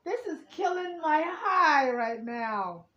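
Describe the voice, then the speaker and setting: A woman's voice: high-pitched, animated, takes it slowly, fairly bright tone. Woman vlogger, incredulous and profane; roomy, muffled sound. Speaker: vlogger reacting to a radio advice segment. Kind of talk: casual reaction rant. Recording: roomy, slightly dull home recording.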